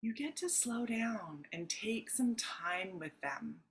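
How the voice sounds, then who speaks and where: A middle-aged woman, a self-love coach, talking gently and reassuringly in a live-streamed coaching session, chatting with her viewers. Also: medium pitch, lively intonation, slow.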